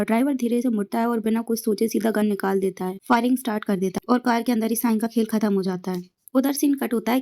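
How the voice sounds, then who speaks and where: A woman's voice: on the high side, warm tone. A woman narrating a drama episode recap in a dramatic, suspenseful storytelling manner.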